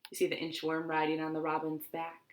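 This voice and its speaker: This storytime host has a low, monotone voice and speaks a little fast as she reads and leads rhymes for young children. She records at home in a roomy living room with echo, offering simple words of encouragement.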